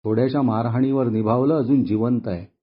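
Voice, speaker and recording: A man voicing a frightened, beaten young army wireless operator who pleads in a high, strained, sobbing voice. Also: fairly even intonation, brisk, slightly rough, highs cut off, close to an everyday voice. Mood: bitter.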